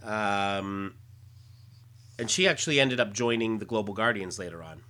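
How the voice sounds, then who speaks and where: A man hosts a casual show, going through details in a halting manner. His voice sits a little low but has a bright, forceful edge. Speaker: podcast host. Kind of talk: casual explanatory chat about comics.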